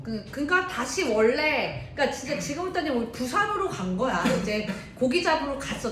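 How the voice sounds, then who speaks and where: A woman teaching young people, retelling a Bible story in a chatty, animated way. She keeps turning to the class with questions. Her voice is fairly high and swings widely, and a roomy echo and faint rumble surround her.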